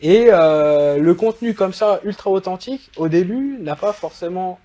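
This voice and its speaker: A man's voice: high-pitched, animated, normal speed, warm tone. A man with a French accent, a guest in a casual interview, explaining at length with many fillers. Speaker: guest, e-commerce agency founder.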